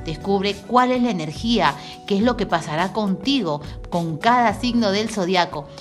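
A woman reading tarot cards for viewers, giving advice in a soothing way and slowing down to repeat key phrases. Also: mid-range voice. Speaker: tarot reader. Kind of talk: daily tarot reading to camera.

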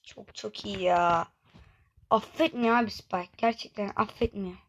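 A woman's voice: medium pitch, measured pace, lo-fi sound, slight background noise. A woman hosting a gaming channel, giving casual gameplay commentary and chatting straight to her viewers. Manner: chatty, keeps addressing viewers directly.

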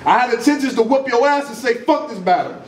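Male battle rapper, young adult, very high pitch, aggressive boastful a cappella bars, picked up from a distance in a busy room. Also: fast talker. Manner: confrontational, boastful, repeats lines for emphasis; projected, animated delivery while pacing and gesturing. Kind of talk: a cappella battle rap performance. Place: small crowded indoor room. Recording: echoey room, distant camera mic, crowd reacting.

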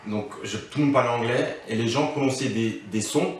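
Seated on a living room couch, an interview guest in his thirties shares casual advice, thoughtful yet full of fillers and restarts. His mid-range voice runs a little fast, with slight background noise, recorded at a distance by a camera mic in an echoey room.

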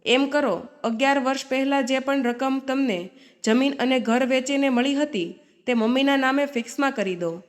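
A woman's voice: high-pitched, normal speed, close to an everyday voice. A woman voicing an outspoken grown daughter who firmly scolds her brother and sister-in-law, in a storybook reading. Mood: confronting. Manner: firm, scolding.

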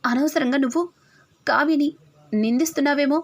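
A woman voicing a doubtful, fair-minded middle-aged woman who speaks quickly. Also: sits high.

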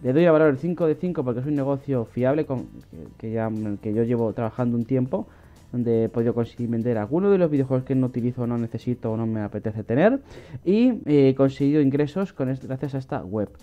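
A man's voice: mid-range voice, fast. A man giving a casual screen-recorded walkthrough of a website, with frequent fillers and restarts. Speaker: online money-making channel host. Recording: slightly dull lo-fi audio with faint music.

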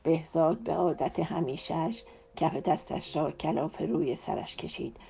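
A woman narrating a romance novel in a steady, expressive reading. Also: sits low, gravelly. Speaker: audiobook narrator.

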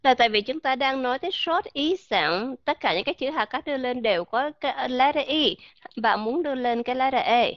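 A woman teaching English pronunciation in a live online class, encouraging and slowly repeating words as drills. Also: high voice, animated, no room sound, muffled recording. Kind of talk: live online voice-chat lesson.

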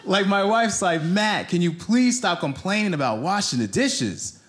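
Lively intonation and a fairly bright, high voice mark this American comic from New Jersey, a man in his thirties. Live on a theater stage with a handheld microphone and the crowd audible, he delivers a conversational set full of deliberate pauses and impersonated quotes.

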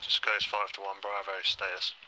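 A man's voice: low-pitched, monotone, moderate pace, noisy background. A man on a helmet radio during a military simulation game, giving terse, clipped acknowledgements in radio procedure.

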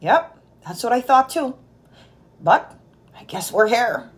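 Speaking slowly in a slightly high voice, a young Jamaican woman in her twenties, a nurse who vlogs, recounts a work story. It's a casual video shot on a phone at arm's length in a small room at home, told in an animated, exasperated way.

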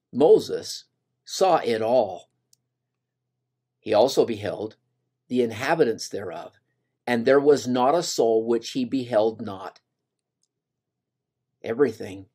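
An older gospel study teacher with a mid-range, slightly mellow voice gives a scripture lesson over slides from his home office webcam. He is earnest and emphatic, his emphasis rising as he quotes verses.

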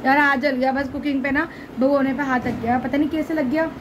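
High-voiced woman vlogging in a noisy kitchen. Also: fairly even intonation, fairly quick. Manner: playfully dramatic complaining. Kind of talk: casual home cooking vlog. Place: family home kitchen. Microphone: phone camera.

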